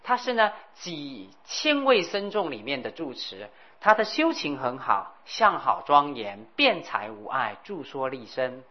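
A woman's voice: a bass voice, big pitch swings, unhurried, hardly any pauses. A woman giving a Buddhist dharma talk, telling a story and acting out the dialogue. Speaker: Buddhist teacher. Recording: dull lo-fi recording.

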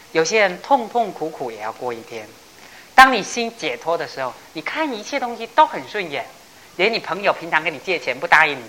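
Woman teacher telling a Buddhist parable, bright and expressive, lowish voice that swings a lot. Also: low-quality recording. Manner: animated storytelling with laughs, acting out characters; slows down to stress key phrases. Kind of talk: dharma talk storytelling.

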